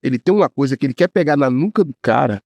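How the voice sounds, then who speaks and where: A man who works as a police commissioner, telling a story casually on a podcast in an animated, slangy way. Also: medium pitch, quick pace, gravelly, no room sound, highs cut off.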